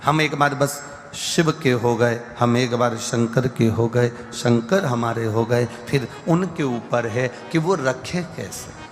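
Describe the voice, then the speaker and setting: Slow Indian preacher in a reverberant hall. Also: male voice, medium pitch. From central India. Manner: slow, repetitive preaching with lists and mimicked everyday talk. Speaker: religious storyteller. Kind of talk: devotional sermon with sung verses. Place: large live gathering hall. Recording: long hall reverb with faint music.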